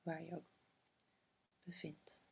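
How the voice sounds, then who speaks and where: Woman doing guided meditation, soft whispery spa voice, super breathy, barely moves in pitch, slow w long pauses. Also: flat delivery.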